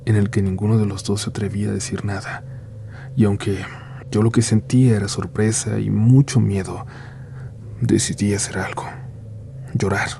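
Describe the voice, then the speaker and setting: A Mexican man hosting and narrating scripted horror stories in Spanish with a Mexican accent, in a grave, suspenseful, hushed manner with dramatic pauses. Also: on the low side, a little hiss or hum. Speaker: horror story podcast host and narrator.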